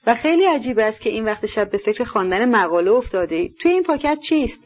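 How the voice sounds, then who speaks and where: Shy gentle young prince, read by a woman, mild soothing tone, a bit higher, dull lo-fi audiobook recording. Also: lively intonation, breathy edge.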